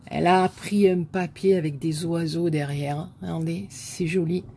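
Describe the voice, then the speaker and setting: A woman with a southern French accent, a scrapbooking vlogger softly admiring crafts one by one in a casual show-and-tell chat. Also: fairly low pitch, fairly even intonation, unhurried, vocal fry, slight background noise.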